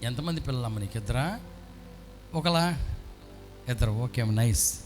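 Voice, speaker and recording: A man, a priest, preaching a sermon to a congregation and questioning his listeners, his voice swinging between hushed and loud. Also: medium pitch, expressive, moderate pace, faint music behind. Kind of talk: Telugu sermon at a healing retreat.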